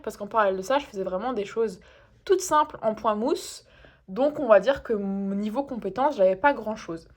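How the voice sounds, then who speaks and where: A young woman chatting casually in a show-and-tell vlog, self-deprecating and full of little fillers. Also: fairly high pitch. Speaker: knitting vlogger.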